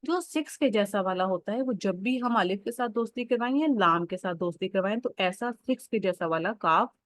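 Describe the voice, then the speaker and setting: A woman with a Pakistani Urdu accent teaching young children their letters, sounding each one out slowly and coaxing them to read along. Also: mid-range voice, animated, dry recording. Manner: slow, drawn-out sounding out of letters; coaxing, addresses children directly. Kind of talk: children's phonics lesson.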